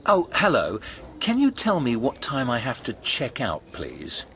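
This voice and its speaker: A man's voice: mid-range voice, huge pitch swings, a little slow, gravelly, bright, forceful tone, husky, heavily acted. A man playing a polite hotel guest making inquiries in a scripted language-course dialogue.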